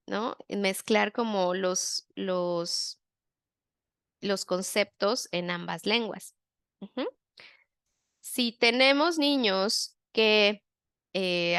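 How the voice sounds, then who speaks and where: A woman gives a clear masterclass, leading her audience step by step and often checking in. Her voice is crisp and sits in a middle range for a woman. The recording is close and dry, with no room sound. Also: mid-range voice, a bit bright, dry recording. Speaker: language therapist. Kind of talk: explanatory masterclass.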